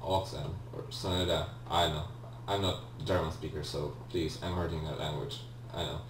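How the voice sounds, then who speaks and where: Rambling and hesitant, a man offers casual commentary as he plays a video game, frequently correcting himself. His bass voice keeps a fairly even intonation at a fairly quick pace, captured by a distant mic in a roomy space with a faint hum.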